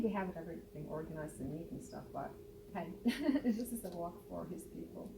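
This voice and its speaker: Norway-born lady on a radio chat, lots of ums, lowish voice, roomy echo far from the mic. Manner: hesitant, many fillers, laughs easily. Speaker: guest. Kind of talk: casual radio interview. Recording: roomy, distant mic, noisy.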